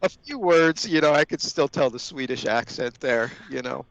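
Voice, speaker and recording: A man's voice: medium pitch, fairly even intonation, moderate pace, creaky, a bit bright. A man giving casual live sports commentary, laid-back with dry humor. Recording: dull lo-fi audio.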